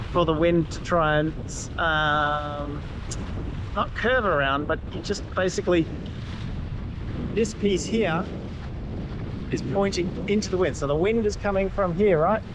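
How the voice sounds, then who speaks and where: A man explaining sail trim in a casual, hands-on way while standing on the deck of a catamaran at sea, pointing things out as he goes. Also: high-pitched. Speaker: sailing instructor. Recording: loud wind noise on the mic outdoors.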